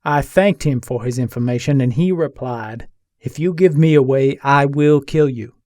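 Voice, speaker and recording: Performing a dramatic reading, this man voices an embattled Old West gunslinger who argues his case from a jail cell with formal, old-fashioned storytelling. His medium-pitched, darkish voice resembles an everyday one and keeps a normal speed. The recording is clean studio sound with no room sound, and the mood is a measured recounting.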